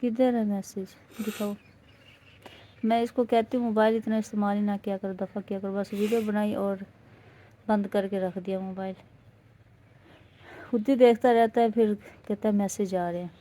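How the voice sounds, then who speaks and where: A woman from Pakistan speaks in a casual home vlog. Her voice is mid-pitched with a warm, mellow tone. She keeps asking questions and comes back to the same point again and again in a worried way. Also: little pitch movement, long pauses. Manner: worried, questioning, repeats herself. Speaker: vlogger's wife.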